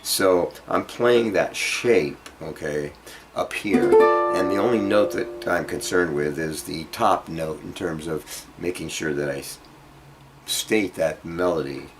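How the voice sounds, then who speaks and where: In a low-quality recording, a guitar teacher with an extremely low, slow voice leads a casual lesson. He explains bit by bit in a hesitant way while demonstrating, his speech mixed with loud acoustic or jazz guitar.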